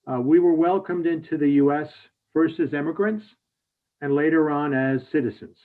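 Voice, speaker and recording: Formal man on a tinny call. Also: fairly high pitch. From Hungary. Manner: measured, formal, with small restarts. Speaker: state representative, bill sponsor. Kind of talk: committee testimony over video call. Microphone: video call. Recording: tinny phone-like audio.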